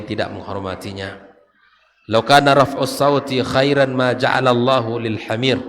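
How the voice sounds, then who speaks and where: A man, giving an unhurried Islamic study lecture. He explains Arabic quotes in plain everyday speech and puts questions to his listeners. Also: mid-range voice. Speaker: ustadz giving a study talk. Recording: long hall reverb.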